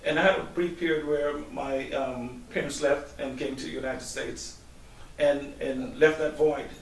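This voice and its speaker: A man's voice: mid-range voice, steady tone, unhurried, gravelly. A middle-aged man from Guyana, a guest answering interview questions in a hesitant way, with many ums and restarts. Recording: echoey room, distant mic, faint hiss.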